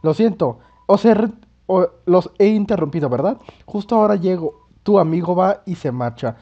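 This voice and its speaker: A man's voice: high voice, animated, moderate pace, highs cut off. A man reading as a shy timid ghost. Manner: hesitant, apologetic, reading game text.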